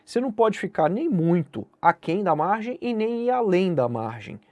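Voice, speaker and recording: A man's voice: high-pitched, sing-song, normal speed, a little mellow, no room sound. A Brazilian man teaching an online exam-prep lesson, speaking directly to the viewer and asking and answering his own questions. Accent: Brazilian Portuguese. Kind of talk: online lesson explaining essay grading.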